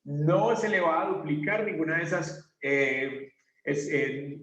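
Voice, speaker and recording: High-voiced teacher in an echoey classroom. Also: male voice, slow, a bit bright. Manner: patient, asks the class questions and answers them himself. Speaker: English teacher. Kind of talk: classroom lesson explaining grammar. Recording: echoey room, voice from a distance.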